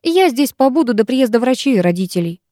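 Woman voicing male teacher, calm, authoritative, mellow voice, dry close sound. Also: on the high side, brisk, no echo, voice pushed up. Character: composed male teacher taking charge.

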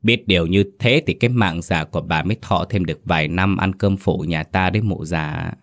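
In a storybook tale, a man with a low, brisk voice plays a landlord's cruel, scheming second wife. He gives cold, contemptuous, commanding orders and hisses threats.

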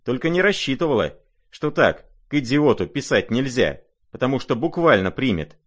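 A man voicing an irate, imperious older noblewoman who scolds in shrill, impatient outbursts. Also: very animated, normal speed. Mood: scolding.

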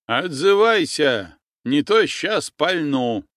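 A man reading an audiobook, voicing a gruff river boatman who calls out sternly and shouts orders. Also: fairly high pitch, very animated, slow pace, dry recording, clean studio sound, pitched above the performer's own voice, full character voice.

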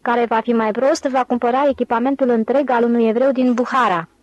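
A woman's voice: fairly high pitch, steady tone, no room sound, dull audio, close to an everyday voice. A woman reading an audiobook, voicing a self-assured man who mockingly predicts what others will do. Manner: scornful, teasing, confident.

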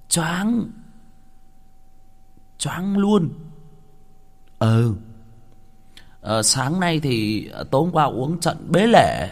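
A man telling a story in a casual, chatty first-person way, stumbling over and repeating words as he talks straight to his listeners. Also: a little high. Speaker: storyteller host.

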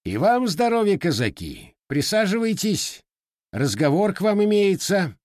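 A gruff old cossack chief barking orders, big swinging voice, dry close sound, as a male reader puts him on. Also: high voice, wildly swooping pitch, measured pace, a little mellow, dry recording, pitched above the performer's own voice, exaggerated voice. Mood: calm. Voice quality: commanding, barking.

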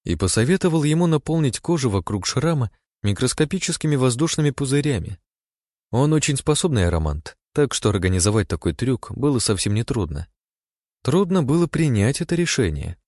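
A man narrating a first-person story in a steady, calm way, close to the mic. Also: medium pitch, a little fast, no echo. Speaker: audiobook narrator.

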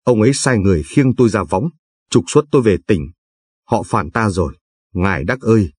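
A man's voice: on the low side, lively intonation, moderate pace, darkish tone, husky, no echo, studio quality. A man voicing an elderly male official who speaks in a plaintive, complaining way. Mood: aggrieved.

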